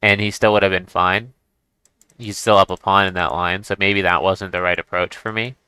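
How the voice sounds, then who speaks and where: A man's voice: low voice, steady tone, normal speed, sharp tone, clean tone, no room sound. A man giving casual chess commentary as he plays, thinking aloud and restarting his sentences. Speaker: chess streamer.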